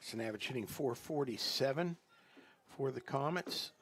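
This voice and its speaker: A man adds color commentary during a softball game in a mid-pitched, everyday voice. He explains stats and news in a chatty, easygoing way. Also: normal speed, slight background noise.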